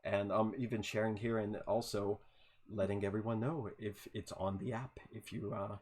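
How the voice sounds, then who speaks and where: A man's voice: lowish voice, steady tone, moderate pace, darkish tone. A man hosting a podcast interview on a video call, eager and stumbling over repeated words. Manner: enthusiastic, stammers and repeats words. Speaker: podcast host. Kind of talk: casual interview chat.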